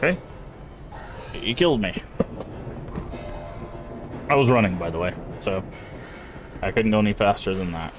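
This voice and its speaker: A man's voice: lowish voice, expressive, moderate pace, pauses often, faint music behind. A man commentating casually as he plays a video game.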